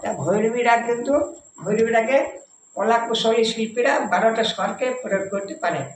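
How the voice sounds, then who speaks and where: A man's voice: very high voice, a little fast, slight background noise. A man teaching a devotional music lesson, explaining patiently and repeating points simply for viewers. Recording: echoey room.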